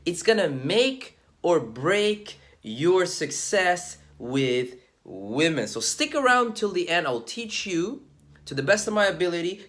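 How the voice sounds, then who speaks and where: Lively young man coaching dating. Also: high-pitched. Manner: energetic, slangy, emphatic. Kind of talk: casual vlog talk to camera.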